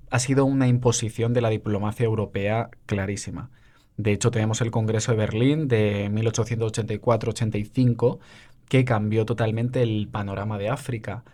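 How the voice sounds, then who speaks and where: A man co-hosts a podcast, talking through history in a casual chat. His voice sits lowish with a dark tone, and his explanations are full of fillers and asides.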